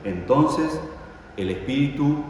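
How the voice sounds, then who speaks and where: A preacher tells the story dramatically, his pitch swinging widely as he keeps asking his listeners questions. He stands well away from the mic in a church hall with heavy echo and a long reverb tail. A faint noise sits underneath. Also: lively intonation, slow pace, a little mellow. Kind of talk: sermon. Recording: echoey hall, voice from far off.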